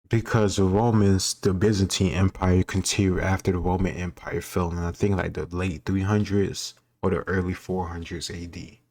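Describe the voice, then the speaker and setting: Hosting a reaction to a history quiz video, a man speaks in a low, darkish voice. His commentary is casual, and he rambles informally as he thinks out loud.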